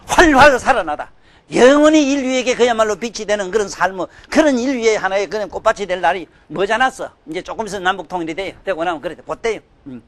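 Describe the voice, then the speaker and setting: Older guy preaching, high voice, scolds loud then mutters low. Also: expressive, fast talker. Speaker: Buddhist dharma teacher. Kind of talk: sermon.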